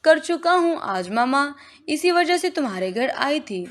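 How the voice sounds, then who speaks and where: A woman's voice: sits high, sing-song. A woman reading as a teasing young boyfriend. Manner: teasing, then soothing. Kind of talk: storybook reading.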